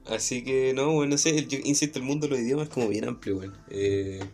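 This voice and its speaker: Monotone Chilean man chatting casually. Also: medium pitch, a little fast, soft background music. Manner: monotone, slangy. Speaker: co-host. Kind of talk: casual podcast chat.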